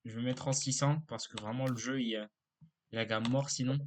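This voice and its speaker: A man's voice: mid-range voice, fairly even intonation, brisk, slight background noise. A man giving casual let's play commentary, hesitant and rambling with lots of fillers and apologies. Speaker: gaming YouTuber.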